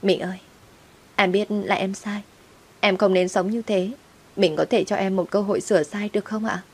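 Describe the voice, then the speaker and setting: A woman's voice: lowish voice, fast talker, fairly bright tone, slightly rough. A woman voicing a young ex-wife who pleads and whines. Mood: pleading. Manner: pleading, tearful.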